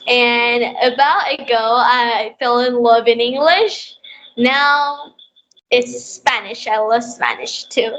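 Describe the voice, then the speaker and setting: High-voiced eager Bangladeshi speaker. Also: female voice, a bit bright, muffled recording, a little hiss or hum. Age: child in sixth class. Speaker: English learner hosting a practice call. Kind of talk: casual conversation practice. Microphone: online call.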